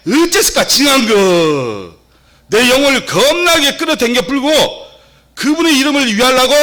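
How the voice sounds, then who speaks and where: A folksy Jeolla countryman, voiced by a man, exclaims loud and high. His drawling voice sounds bright and forceful. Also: exaggerated voice. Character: folksy southwestern Korean man reciting psalm.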